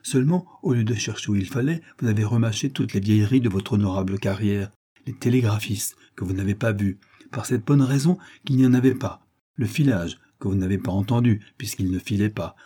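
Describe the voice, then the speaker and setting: A man reading an audiobook voices a sharp-tongued, scheming woman who runs a gambling club, scolding her partners with open contempt. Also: on the low side, brisk, husky. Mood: scornful.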